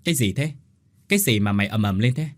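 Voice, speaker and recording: A man's voice: fairly low pitch, expressive, quick pace, no room sound, close to an everyday voice. A man voicing a selfish, spineless husband who fawns and stammers. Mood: startled. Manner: fawning, stammering.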